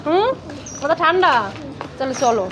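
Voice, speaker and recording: A woman's voice: high-pitched, animated, normal speed. A woman talking casually to children while filming on a phone outdoors, coaxing and scolding them and repeating her words. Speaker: vlogger minding children. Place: busy street outdoors. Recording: loud street traffic noise.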